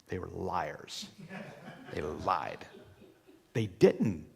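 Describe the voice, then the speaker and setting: Guy preaching in church, animated and folksy, acts out little voices, voice slides all over the place. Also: deep voice, extremely slow, vocal fry, crowd noise. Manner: animated, folksy, acts out quoted voices, repeats words when starting. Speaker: pastor. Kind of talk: sermon. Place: church sanctuary.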